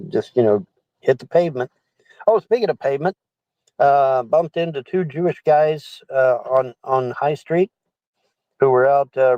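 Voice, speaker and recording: A man's voice: medium pitch, dry recording, lo-fi sound. A middle-aged man in a car, chatting casually to livestream viewers in a rambling, repetitive way. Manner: rambling, repeats phrases. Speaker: livestreamer reading and answering viewer chat. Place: inside a car.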